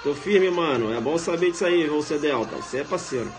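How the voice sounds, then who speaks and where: A man with a Brazilian accent, a law professor giving a casual live online lecture in a slangy, playful way, often tagging his sentences with quick questions. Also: on the high side, lively intonation, music in the background.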